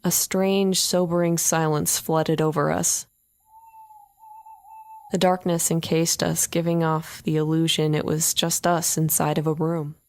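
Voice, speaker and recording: A woman reading a horror story aloud in an expressive first-person narration. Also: deep voice, measured pace, no echo.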